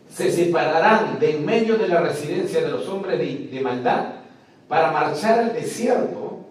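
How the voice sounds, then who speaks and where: A man's voice: a little high, darkish tone. A man teaching a class on biblical texts, speaking emphatically and putting rhetorical questions to the students. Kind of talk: classroom lecture. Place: lecture hall. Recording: echoey room, distant mic, faint noise.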